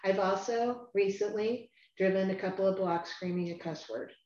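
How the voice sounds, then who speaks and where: A woman hosting a casual faith discussion, earnest and animated, rambling and at times dropping to a quiet tone. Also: mid-range voice, normal speed. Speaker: Bible study host. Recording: echoey room, muffled lo-fi sound.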